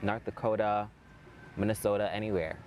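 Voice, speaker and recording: A man's voice: lowish voice, flat delivery, a little fast, lo-fi sound, a little hiss or hum. A young man from Jamaica with a Jamaican accent, answering interview questions with hesitant restarts. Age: young adult. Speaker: interview guest. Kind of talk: casual interview.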